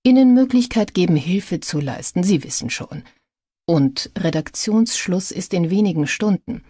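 A woman reading an audiobook, voicing a scheming man who poses as a polite reporter with an oily, drawn-out manner. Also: fairly low pitch, lively intonation, warm tone, breathy edge, no echo, clean studio sound.

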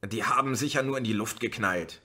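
A protective teenage girl giving firm, urging instructions, as voiced by a male reader. Her lines sit slightly above the narration, with a bright, clear tone. It is an audiobook performance. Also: on the low side, fairly quick.

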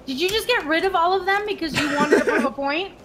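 A woman's voice: extremely high pitch, fast, fairly bright tone, slight background noise. A woman chatting while gaming on a headset, exasperated and bantering, swearing freely. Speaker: gamer. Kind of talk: casual gaming chat.

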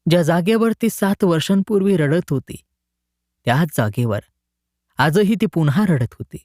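A man narrating a short story in a dramatic, expressive reading. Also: fairly high pitch, moderate pace, dry recording, clean studio sound.

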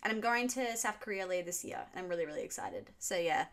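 A young Australian woman talking straight to a desk camera in a small room at home. She chats in a loose, animated way, hands moving as she talks, answering viewer questions like she's catching up with friends. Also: lowish voice, fast talker. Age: 20s. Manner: chatty and animated, gesturing with her hands. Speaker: YouTube music reaction host. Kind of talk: casual Q&A vlog.

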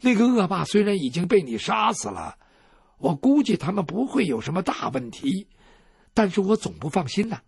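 Storytelling role: measured, quietly sly swordsman, played by a male storyteller, gravelly and dry. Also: sits high, very animated, no echo, heavily acted. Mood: calm. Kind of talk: traditional Chinese storytelling.

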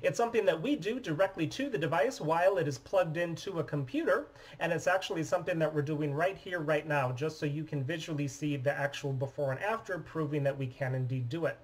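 Man explaining a phone demo, slightly high. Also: a little fast, few pauses, slightly rough, low-quality recording. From United States. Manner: steady, explanatory and methodical. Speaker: phone repair business owner. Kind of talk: scripted product demonstration. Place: small indoor office room.

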